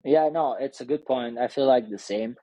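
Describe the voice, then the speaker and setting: A man's voice: mid-range voice, normal speed, mellow, dry recording, rough recording. Italian-accented male business coach, loose non-native English, dry close sound. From Italy. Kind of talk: casual interview talk.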